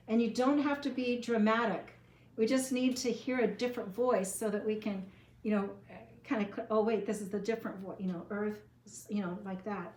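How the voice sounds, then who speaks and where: A woman's voice: fairly high pitch, a little mellow. A woman leading a Bible class, giving casual, loosely worded instructions and rephrasing as she goes. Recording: roomy echo with faint room noise.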